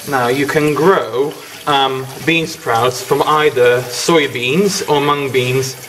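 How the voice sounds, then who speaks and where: A man's voice: mid-range voice, slow. A man from Bosnia and Herzegovina, a guest, walks through a cooking demonstration step by step. His voice sits in a roomy, echoing space. A faint hiss runs underneath. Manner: explains step by step, instructive. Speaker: guest cook and orchid judge. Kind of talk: casual demonstration.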